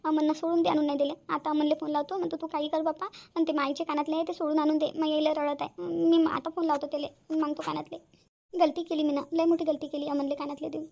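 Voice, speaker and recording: Brief: a woman as young village daughter in a cartoon, full of self-blame, quick high speech. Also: flat delivery, gravelly, a little mellow. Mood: guilty. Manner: guilty, self-reproaching monologue. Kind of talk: cartoon voice acting.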